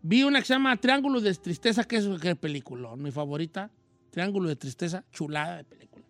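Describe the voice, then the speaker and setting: A man voicing a joking old host with a Mexican accent, chatting casually on radio in a high, slangy, rambling voice. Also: animated, fast, fairly bright tone, no echo, faint music behind. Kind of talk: casual radio chat, film recommendations.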